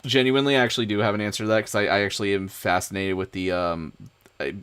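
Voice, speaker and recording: A young man streaming, chatting casually in an excitable, rambling way. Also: fairly low pitch, fast talker, clean tone. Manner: rambling, excitable, many fillers and restarts. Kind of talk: casual chat.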